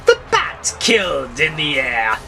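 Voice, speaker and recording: A man voicing a gleeful, menacing goblin supervillain with a cackling, drawn-out, taunting delivery in an audio story. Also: fairly high pitch, huge pitch swings, gravelly, over music, exaggerated voice. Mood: cruel taunting.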